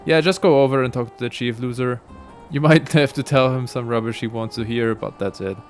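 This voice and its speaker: A man's voice: mid-range voice, steady tone, brisk, soft background music, natural voice. A man reading the lines of a rude, scornful pirate from a video game. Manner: sneering, insulting.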